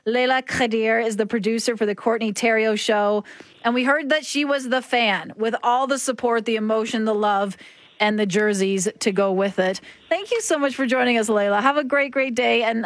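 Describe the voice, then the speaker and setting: A woman's voice: on the high side, no room sound. Woman radio host, upbeat, emphatic, studio mic, dry close sound. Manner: upbeat, emphatic, quick to repeat words. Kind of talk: morning radio show. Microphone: studio microphone.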